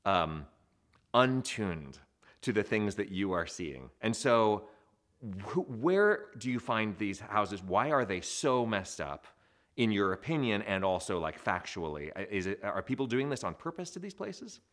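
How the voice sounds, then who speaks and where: A middle-aged man hosting an interview, asking inquisitive, earnest questions from a studio with a dark backdrop. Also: fairly low pitch, sing-song, a little slow. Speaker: host. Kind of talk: interview host.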